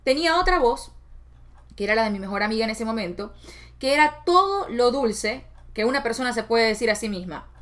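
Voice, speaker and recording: A woman giving a casual motivational talk, acting out inner voices with shifts in tone. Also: a little fast. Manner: expressive, acts out inner voices with shifts of pitch. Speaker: self-help speaker.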